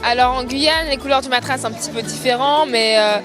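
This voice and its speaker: A woman's voice: high voice, a little fast, music in the background, crowd noise. Proud woman from French Guiana. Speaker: show participant. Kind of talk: interview at a fashion show.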